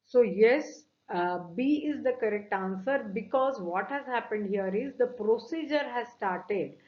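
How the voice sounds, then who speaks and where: A woman teaching medical coding from slides, methodical, often pausing on "uh" and stressing key words. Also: fairly high pitch, expressive. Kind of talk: lecture walking through slides. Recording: dull lo-fi audio.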